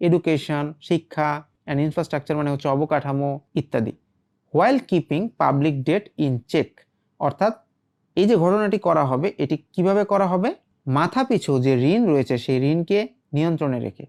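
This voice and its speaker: A man gives a rapid explanatory language lesson. He reads out short English phrases, glosses each one, and keeps the flow going with rhetorical questions that he answers himself. His delivery is quick and steady throughout. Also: on the high side. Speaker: English teacher.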